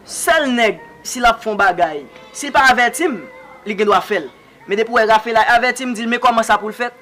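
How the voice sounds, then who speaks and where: A man plays a shrewd Haitian Creole counselor who urges his side to strike first. He speaks in a measured way with a high, bright voice. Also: soft background music. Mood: grave. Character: shrewd man urging a strike against an enemy. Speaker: character in a web drama series. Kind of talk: dramatic acting.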